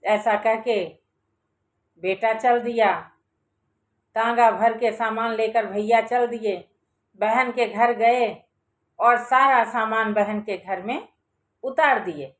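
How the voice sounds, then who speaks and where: A woman's voice: on the high side, fairly even intonation, slow pace, pauses often. A woman narrating a folk story in a sing-song, repeating way. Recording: roomy echo.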